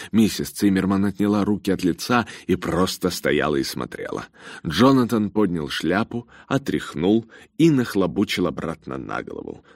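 A man with a very low, gravelly voice narrates an audiobook. His reading moves widely up and down in pitch. The sound is close and dry. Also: no echo. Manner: expressive, storytelling.

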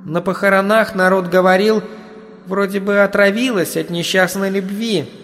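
A man voicing a demon in the shape of a little blonde girl, with a nasal, brisk manner, in an audiobook. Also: high voice, steady tone, fairly bright tone, in a large hall, voice pushed up.

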